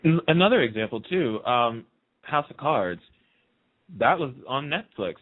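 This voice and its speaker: Animated and measured, a man with a medium-pitched voice hosts a talk show, chatting loosely and stressing his opinions by repeating them. The audio is narrow and muffled, as if through a phone.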